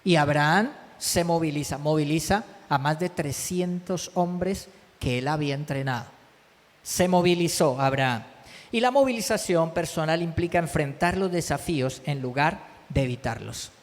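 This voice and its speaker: Colombian guy preaching, kinda high voice, keeps asking "right?" to the crowd, long church echo. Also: moderate pace. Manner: preachy, checks in with tag questions, repeats for emphasis. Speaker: pastor. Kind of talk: sermon. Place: church hall. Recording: church hall with long reverb.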